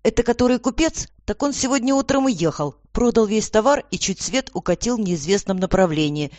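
An eager young clerk, put on by the storybook narrator, raised in pitch and quick to answer his boss. He is servile and dutiful, and the recording is dry and close. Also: expressive, a little mellow, no room sound, natural voice.

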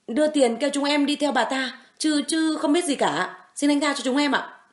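A woman voicing a gang of crude male thugs, jeering loudly and later groveling and stammering for mercy. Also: a little high, big pitch swings, fairly quick, reverberant, voice pushed up.

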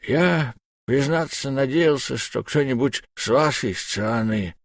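A male narrator voicing a polite, anxious gentleman who speaks formally and courteously. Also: mid-range voice, unhurried, dry recording, studio quality, voice pushed up, natural voice.

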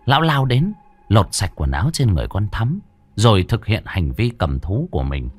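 A man's voice: lowish voice, very animated, normal speed. A man narrating a ghost story with a dramatic, ominous delivery.

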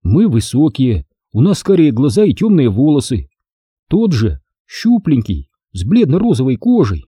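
A man narrates a storybook aloud in a lively, expressive reading. His voice is warm and dark, a little husky, and moves freely up and down. The sound is dry and close. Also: mid-range voice, normal speed, no room sound. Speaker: audiobook narrator.

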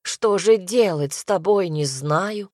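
Casting: anxious lamenting mother in an audiobook, read by a woman, lowish dry voice. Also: takes it slowly, no room sound. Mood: fretful. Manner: fretful, lamenting, hushed. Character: worried fretful mother, soft and lamenting.

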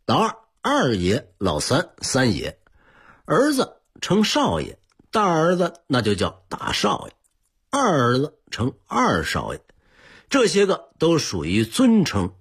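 Man, husky voice, pitch swinging widely, chatty radio storyteller, studio mic. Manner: chatty storyteller, addresses listeners directly. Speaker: radio presenter. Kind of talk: scripted radio talk on old customs.

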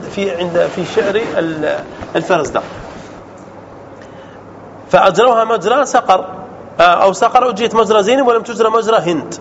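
A man teaching an Arabic grammar lesson as a sheikh, explaining rules and quizzing his students with quick questions. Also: sits high, a bit bright. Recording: dull lo-fi sound with faint noise.

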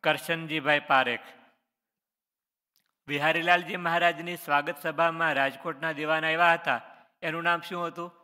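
A man's voice: fairly high pitch, fairly even intonation, moderate pace, pauses often, pushed and bright, in a large hall. A man, a religious teacher reading out quiz questions on scripture stories and answering each one, with short explanations. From Gujarat, India.

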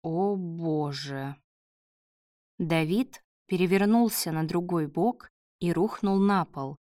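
A woman narrating an audiobook in a steady, measured reading. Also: fairly low pitch, no room sound, clean studio sound.

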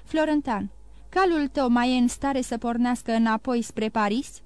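A woman's voice: on the high side, smooth, dry recording, close to an everyday voice. A woman reading an audiobook, voicing a distraught, hasty young nobleman who speaks urgently and pleadingly.

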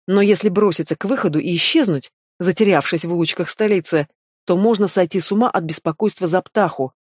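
A woman narrating a fantasy novel audiobook in a steady, measured way. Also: fairly low pitch, no room sound, studio quality. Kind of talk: scripted narration.

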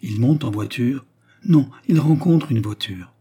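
A man reading aloud, voicing a young girl who speaks haltingly in a hypnotic trance. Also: medium pitch, animated, dark tone, breathy edge. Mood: entranced. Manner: dreamy, halting trance speech.

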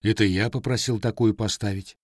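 A man's voice: fairly low pitch, steady tone, fairly quick, dry recording, clean studio sound, close to an everyday voice. A man voicing a guarded, scarred young Cossack with plain, blunt village speech.

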